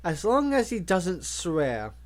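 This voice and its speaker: An easygoing young shop clerk in an audiobook, read by a man. He asks friendly, curious questions in a fairly high voice. His pitch moves in a lively way. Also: slow, heavily acted.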